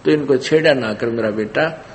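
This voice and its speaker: A man's voice: mid-range voice, moderate pace, long reverb tail, a little hiss or hum, lightly acted. A man voicing a worried mother who pleads with her son and his attackers. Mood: pleading. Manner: pleading, anxious.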